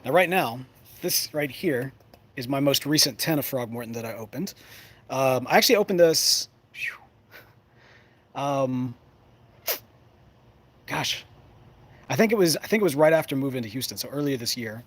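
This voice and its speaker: A man's voice: medium pitch, expressive, normal speed, pauses often. A man chatting casually to camera as a show host, folksy and playful, often rambling and breaking off mid-thought. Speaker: host of a pipe smoking show. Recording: clear background noise, ambient sound.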